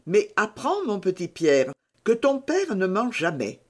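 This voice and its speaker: A woman's voice: medium pitch, huge pitch swings, unhurried, pitched above the performer's own voice. Woman reading as a teasing young peasant girl. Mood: coaxing. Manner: teasing, coaxing. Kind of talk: audiobook character reading.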